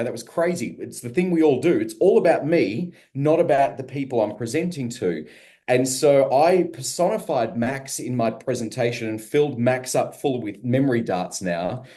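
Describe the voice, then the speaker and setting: Australian man, guest speaker, mellow and conversational, relaxed delivery. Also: medium pitch. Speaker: guest, radio consultant. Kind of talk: casual testimonial.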